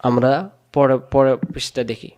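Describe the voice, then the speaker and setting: Male Quran tutor, slow syllable-by-syllable recitation lesson, crisp resonant voice, muffled lo-fi class recording. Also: mid-range voice, completely flat delivery, a little mellow. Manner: sounds out Arabic syllables one at a time, then joins them. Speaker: Quran teacher.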